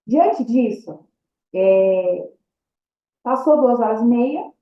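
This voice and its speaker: A woman's voice: on the high side, expressive, extremely slow. Woman telling her story, echoey room. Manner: storytelling that acts out quoted dialogue. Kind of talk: personal testimony. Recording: echoey room, dull lo-fi sound.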